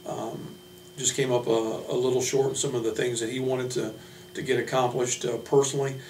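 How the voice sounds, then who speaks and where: Here a college basketball head coach presents his team's roster off the cuff, with a medium-pitched, flat, even delivery. He speaks haltingly and plainly. A noticeable hum runs through the distant, roomy recording.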